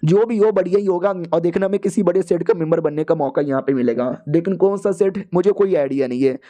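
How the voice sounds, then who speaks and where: A man playing a cheerful young woman cultivator. She talks in a chatty, soothing way that calms others down. Her voice is high but soft and warm in this comic storybook recap. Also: fairly quick, natural voice. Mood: reassuring.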